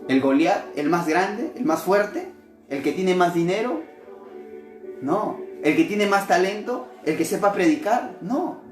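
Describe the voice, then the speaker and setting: A male missionary preacher delivering a devotional sermon in an animated way, often asking his listeners rhetorical questions. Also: high-pitched, unhurried. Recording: echoey room with faint music.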